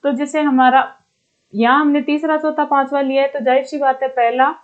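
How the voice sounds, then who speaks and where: A woman's voice: high voice, little pitch movement, moderate pace. A young woman teaching a grammar lesson online, explaining patiently and asking the class questions she then answers herself. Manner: explains patiently, repeats and asks questions back to students. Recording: dull lo-fi recording.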